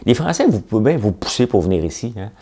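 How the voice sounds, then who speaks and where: Gravelly, deep Québécois man. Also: big pitch swings, quick pace, dark tone. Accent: Québécois French. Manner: chatty, sarcastic, mimics voices. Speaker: podcast host. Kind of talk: casual opinion monologue.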